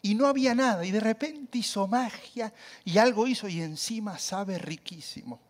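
Animated male preacher, fairly high voice. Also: moderate pace. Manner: animated storytelling, acting out quotes with sudden loud cries and soft asides. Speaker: pastor. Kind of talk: sermon.

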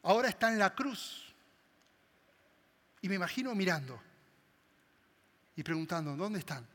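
The long reverb of a big hall hangs after each word as a man preaches unhurriedly in a high, bright voice with lively intonation. His sermon swings dramatically from loud, emphatic bursts to quiet, hushed moments.

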